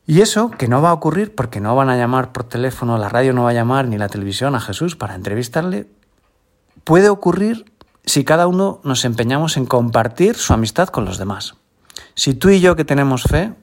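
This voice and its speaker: A man's voice: medium pitch, very animated, moderate pace. A Spanish-accented man, a school chaplain, giving a conversational homily and often ending phrases with a questioning tag. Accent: Peninsular Spanish. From Spain.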